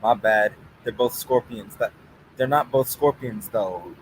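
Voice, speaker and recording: A man streaming live, chatting loosely with his viewers. He reads their messages out loud, argues back, and swears freely. A faint hiss of noise sits under his voice. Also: lowish voice, a little slow, poor audio. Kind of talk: casual live-stream chat.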